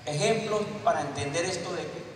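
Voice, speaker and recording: A man's voice: a little high, a little fast, a little hiss or hum. A man preaching a sermon in church, emphatic and throwing rhetorical questions to the congregation. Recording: echoey hall, distant mic.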